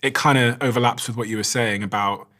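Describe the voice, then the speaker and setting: A man in his thirties hosts a podcast, with a voice of middling pitch. He talks reflectively, sharing personal stories and thinking aloud as he goes. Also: fairly even intonation, fairly quick, sharp tone. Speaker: podcast host. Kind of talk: podcast conversation.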